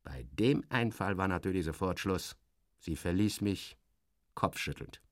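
Against a noisy background, a low-pitched man speaks a little slowly as he narrates dramatically in the first person, radio-play fashion. His reading is theatrical and sardonic, with expressive shifts of emphasis.

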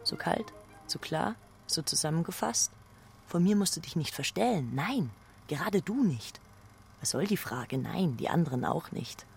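Brief: actress as a probing, intense woman; low, animated voice over faint music. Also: normal speed, gravelly, husky, full character voice. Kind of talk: stage monologue.

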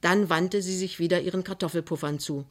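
Brief: woman reading a novel aloud, low-pitched, measured and expressive. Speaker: narrator. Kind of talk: literary reading for radio.

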